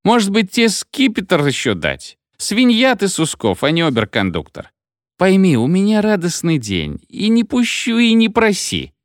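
A man doing a loud, rowdy drunk station chief. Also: high voice, wildly swooping pitch, no room sound, studio quality, voice pushed up. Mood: boisterous. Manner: bellowing, boisterous, quick to take offence. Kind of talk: audiobook character voice.

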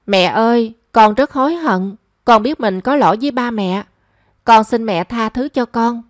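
A woman's voice: a little high, unhurried, no room sound, studio quality, natural voice. A woman voicing a remorseful young woman who pleads with her family. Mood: pleading. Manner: pleading and emotional. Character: young daughter, remorseful and anxious.

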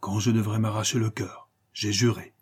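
A man voicing an impassioned young male avenger with a husky voice and declamatory delivery. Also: mid-range voice, moderate pace, mellow, lightly acted. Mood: fervent. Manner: declamatory, rising to vehement cries. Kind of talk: audiobook character reading.

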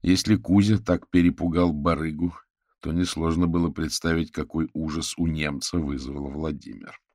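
A man narrating an audiobook in a steady, even reading voice. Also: a bass voice, normal speed, no echo, clean studio sound.

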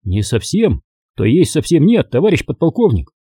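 A man's voice: on the high side, big pitch swings, moderate pace, dark tone, breathy edge, no echo, studio quality, pitched above the performer's own voice. A man voicing a timid, shy young male lieutenant who answers hesitantly in a raised, sheepish voice.

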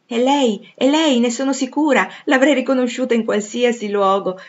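A woman's voice: on the low side, brisk, natural voice. A woman voicing an eager, gossipy young nursemaid. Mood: excited. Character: warm-hearted young former nursemaid woman, chatty. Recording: dull lo-fi recording.

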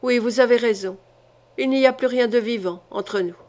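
Woman reading a raging medieval duke, hoarse and clipped, tense lines, storybook reading, fairly high voice. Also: normal speed, a little mellow, natural voice. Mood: grim.

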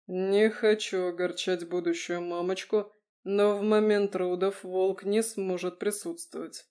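A woman voicing a calm, dry-witted male vampire doctor who speaks in an even, measured tone. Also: medium pitch, lightly acted.

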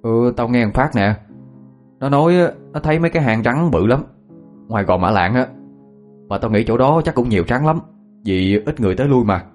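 A man's voice: medium pitch, animated, a little fast, pauses often, darkish tone, soft background music, close to an everyday voice. A man voicing a teasing, rowdy young village man.

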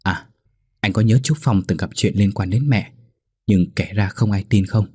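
A man's voice: on the low side, normal speed, darkish tone, slightly rough, no echo, clean studio sound. A man voicing a frightened middle-aged wife who talks anxiously and stammers.

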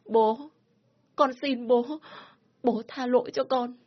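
A woman plays a terrified young daughter in a spoken story, crying as she begs her father to stop. Her pleading sits high and breathy. The recording is dull and lo-fi. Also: steady tone, takes it slowly. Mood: tearful pleading. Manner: begging, apologetic.

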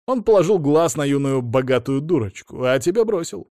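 A man's voice: on the high side, lively intonation, normal speed, mellow, dry recording, pitched above the performer's own voice. A man voicing a scheming, greedy middle-aged ex-husband who talks pushily in an audiobook, in a dry room. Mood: wheedling. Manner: smooth-talking, pushy.

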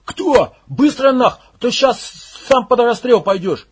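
A man's voice: sits high, sing-song, extremely slow, voice pushed up, full character voice. A man voicing a furious armed male squad leader who screams and swears with a cracking voice. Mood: enraged shouting.

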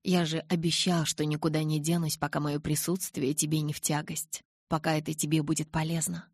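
A woman voicing a gentle, restrained young male vampire in an audiobook, speaking calmly and softly. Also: deep voice, brisk, breathy edge, no echo, studio quality.

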